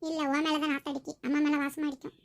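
A woman's voice: high voice, flat delivery, rapid-fire. A woman voicing a stubborn little boy who sulkily refuses to eat without his mother. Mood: sulky. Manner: sulky, whiny, defiant.

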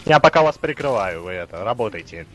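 A man's voice: on the low side, sing-song, fast talker, fairly bright tone. A young man chatting casually during a game, rambling and joking and often repeating himself. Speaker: gamer in co-op let's play. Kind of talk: casual chat while gaming. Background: music.

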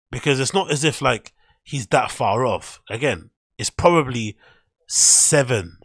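A man's voice: medium pitch, fairly bright tone, no echo, studio quality. A man hosting a podcast, commenting casually and skeptically while reading through posts and an article on screen, rambling and correcting himself as he goes. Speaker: podcast host. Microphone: studio mic on boom.

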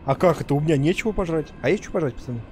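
A male game streamer with a fairly high voice and very lively intonation. He comments casually, jokes and swears freely. Game music plays clearly behind him. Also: rapid-fire. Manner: joking, sweary, reacts out loud. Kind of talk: casual live gaming commentary. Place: indoor room, streaming setup. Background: game music and effects.

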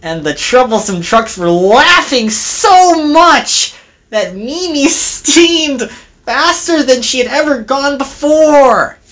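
Slow sing-song woman narrator, storybook read-along; fairly high voice. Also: animated, a bit bright.

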